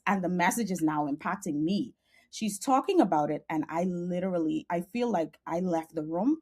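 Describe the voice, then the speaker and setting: A woman's voice: lowish voice, a little mellow. A young adult woman with a Bahamian accent, a podcast guest speaking earnestly and passionately about her journey, over a video call. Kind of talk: podcast interview.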